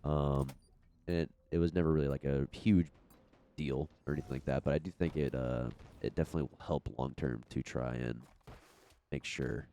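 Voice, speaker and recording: A man with an extremely deep, dark and mellow voice, thick with congestion from a cold. He rambles in a loose, unedited podcast-style chat, full of fillers and restarts, as a young gaming host. A faint hiss sits under the voice. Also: steady tone, moderate pace.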